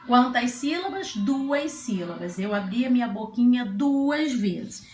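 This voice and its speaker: A woman's voice: on the high side, expressive, measured pace, a little hiss or hum. A woman teacher giving a children's classroom lesson, patient and sing-song, stretching out syllables as she sounds out words. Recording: echoey room, faint ambience.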